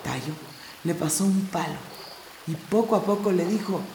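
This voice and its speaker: A woman narrating a soothing bedtime story, slow and gentle, with dramatic rises. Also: fairly low pitch, creaky, a little hiss or hum. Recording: roomy with background music.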